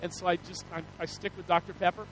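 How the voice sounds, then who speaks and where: Guy pastor preaching, really high voice, rambly and folksy, lots of restarts, bit of hiss behind. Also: little pitch movement, quick pace, fairly bright tone, rough recording. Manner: folksy, rambling, self-deprecating with many restarts. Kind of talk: sermon.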